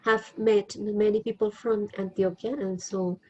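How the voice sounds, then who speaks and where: A woman's voice: medium pitch, fairly even intonation, unhurried, muffled recording. A woman teacher with a Colombian Spanish accent, a native Spanish speaker leading a class discussion.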